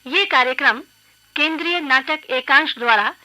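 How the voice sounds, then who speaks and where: A woman radio announcer reading the credits in a measured, formal broadcast style. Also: high voice, sharp tone, low-quality recording.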